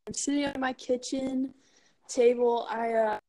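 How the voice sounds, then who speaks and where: Young female podcast co-host, highish voice, chatty slangy banter with lots of filler "like". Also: fairly even intonation, measured pace, mellow, poor audio. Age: young adult. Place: kitchen at home.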